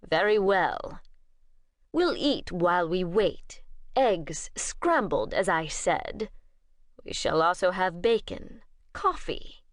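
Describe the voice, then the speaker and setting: A woman reading an audiobook, voicing a cold, commanding old male vampire lord who gives clipped orders in a low voice. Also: very animated, slow pace, no room sound, clean studio sound. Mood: cold, imperious.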